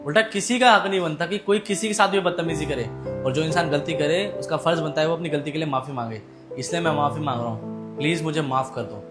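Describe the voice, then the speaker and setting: A man acting as a hot-tempered husband and father, shouting at times and speaking softly when he apologizes, in a family drama skit. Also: a little high, fast, over music, natural voice. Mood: apologetic.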